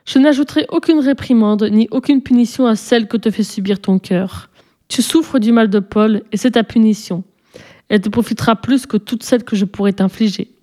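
A storybook mother speaks in a measured, gently admonishing way, firm yet kind, voiced by a woman reader. Her voice sits fairly high with a mellow, soft tone. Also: close to an everyday voice.

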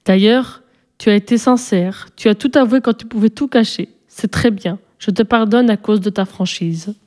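A woman reading aloud and voicing a gentle but firm mother in a storybook, measured and gently admonishing. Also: mid-range voice, close to an everyday voice.

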